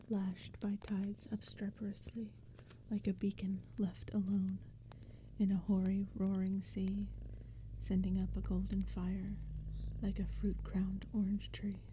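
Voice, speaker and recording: A crackling fire and gentle forest sounds accompany a woman as she narrates poetry in a hushed ASMR whisper. Her breathy, medium-pitched voice is very dark and mellow, with a flat, gentle melody and an unhurried, measured pace.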